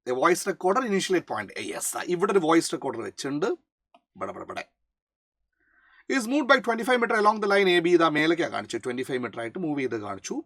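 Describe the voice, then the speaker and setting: Step by step, a Malayali-accented physics teacher explains a worked problem, blending in English terms and frequently asking brief check questions. The voice is medium-pitched and fairly bright, with big pitch swings and a normal pace, captured in clean studio sound with no room acoustics.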